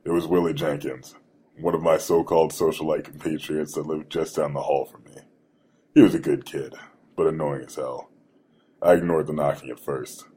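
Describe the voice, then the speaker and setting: A young man narrating his own story in a dry, deadpan and wry manner. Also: a bass voice, normal speed, slight background noise. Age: young adult. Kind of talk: scripted first-person narration. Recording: guitar music under the voice.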